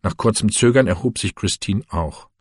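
A man narrating an audiobook in a calm, measured storytelling manner with a husky voice. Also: lowish voice, no room sound, studio quality. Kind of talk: audiobook reading.

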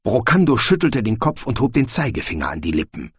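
A male narrator reads a fantasy storybook with a husky voice and lively, expressive intonation. The recording is dry and close. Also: medium pitch, a little fast, no room sound. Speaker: audiobook narrator.

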